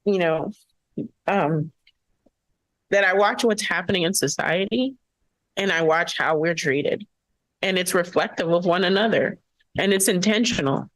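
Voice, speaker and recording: A woman's voice: fairly low pitch, measured pace, pauses often, no echo, poor audio. A woman school board member giving earnest, impassioned remarks at a public meeting.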